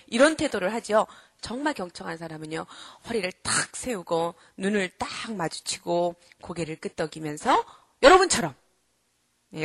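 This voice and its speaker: A middle-aged woman giving a lively lecture to an audience. She quizzes her listeners and acts out children and parents as she goes. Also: on the high side, breathy edge, dry recording. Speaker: character-education lecturer.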